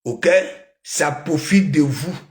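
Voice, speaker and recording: A man's voice: fairly high pitch, slow pace, echoey room. A man giving scolding gossip commentary to his viewers, repeating himself and throwing in constant rhetorical "hein?" questions. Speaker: online commentator.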